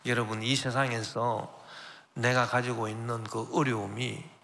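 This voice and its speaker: A man's voice: medium pitch, little pitch movement, a little slow, vocal fry, sharp tone. A man, senior pastor of a church, preaching a Sunday sermon with rising emphasis and spoken asides. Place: church sanctuary. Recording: long church hall reverb.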